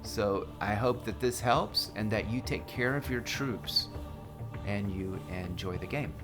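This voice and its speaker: A man's voice: on the low side, unhurried, over music. A man casually talking through a mobile strategy game guide as a screen-recorded voice-over, loose and full of fillers and restarts.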